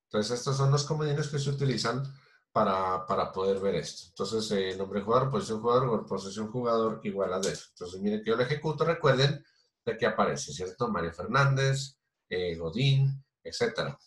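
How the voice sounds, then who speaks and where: A man's voice: on the low side, expressive, a little fast. Roomy-sounding man teaching a class. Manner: patient, explains step by step with many fillers and restarts. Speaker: programming teacher. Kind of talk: recorded online class. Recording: roomy echo.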